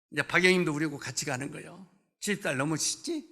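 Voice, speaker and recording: Speaking with fairly high pitch, vocal fry and a pushed, bright quality, a pastor in his seventies delivers a sermon at a church service. His talk is conversational, full of questions for the congregation and jokes with members.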